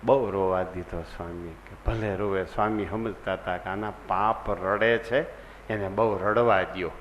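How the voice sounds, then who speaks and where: A man's voice: deep voice, steady tone, a little slow, muffled recording. A man preaching a devotional sermon and telling a story with earnest feeling. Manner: earnest storytelling, acting out the people in his story. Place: large assembly hall. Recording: long hall reverb, faint background noise.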